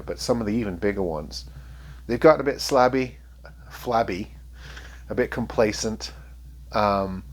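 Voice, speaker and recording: Male guitar reviewer, lowish voice, loose and candid, sniffly, plenty of ums. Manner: rambling, frank, many ums and uhs. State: sniffly from allergies. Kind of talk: casual talk to camera.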